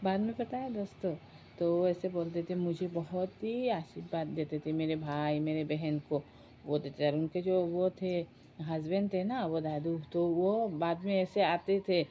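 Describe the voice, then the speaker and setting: A woman's voice: on the low side, measured pace, slight background noise, poor audio. Chatty woman. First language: Sylheti Bengali. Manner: chatty, addresses friends, animated retelling. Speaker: vlogger. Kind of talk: casual storytelling.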